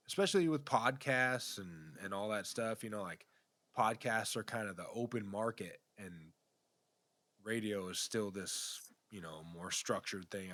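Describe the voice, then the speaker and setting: Man on a podcast, fairly low voice, curious and chatty. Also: fairly bright tone, no echo. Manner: curious, asks lots of questions. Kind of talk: casual podcast chat.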